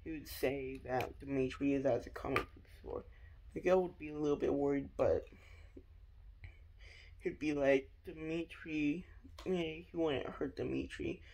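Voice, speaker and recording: A man's voice: mid-range voice, normal speed, creaky, darkish tone. A young man rambling through a fan theory in a casual, hesitant way, full of ums and restarts.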